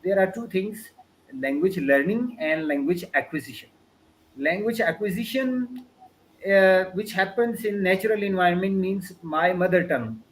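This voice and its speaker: Over a video call, a Pakistani man who speaks Balti gives an earnest webinar talk as a guest lecturer, fielding questions and often saying "you know" and "means." His voice is high and moves at a normal speed, with slight background noise and poor audio quality.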